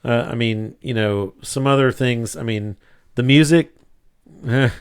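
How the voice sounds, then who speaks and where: Man, podcast co-host, dry wry delivery, mid-pitched voice, casual chat. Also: measured pace. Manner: dry, wry, clears throat often. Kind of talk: casual podcast chat, reading reviews aloud.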